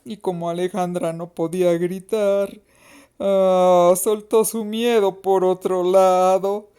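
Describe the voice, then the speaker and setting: Slow expressive woman storyteller. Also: fairly low pitch, clear, resonant tone. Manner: slow, expressive, suspenseful reading. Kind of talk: storybook narration.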